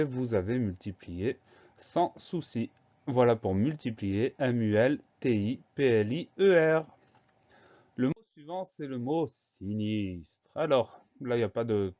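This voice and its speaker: A man's voice: medium pitch, a little mellow, highs cut off. A man teaching a spelling lesson, patiently spelling out each word letter by letter.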